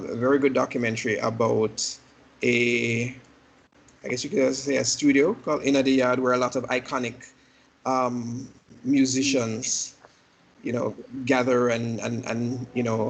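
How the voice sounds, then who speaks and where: A man hosting an online meeting, listing films in a relaxed, hesitant way with lots of fillers. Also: medium pitch, creaky, a little hiss or hum, rough recording. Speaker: meeting host. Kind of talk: casual meeting announcements.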